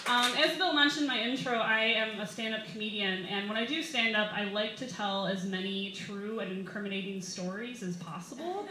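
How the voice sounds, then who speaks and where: Indoors at a small brick-walled bar, a young American woman, a stand-up comedian, reads a comic personal essay to a live audience with wry, deliberate emphasis in a medium-pitched voice. A stand microphone and camera capture it, giving a roomy live sound with some background noise.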